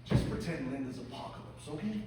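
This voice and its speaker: A man's voice: on the high side, animated, fairly quick, background noise. A man playing a bossy, exasperated therapist in a comedy sketch, recorded from far off in an echoey hall.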